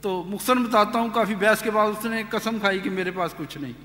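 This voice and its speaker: A man giving an earnest personal testimony, retelling events with animated quoted dialogue. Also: high-pitched. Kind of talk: storytelling testimony. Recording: echoey hall reverb.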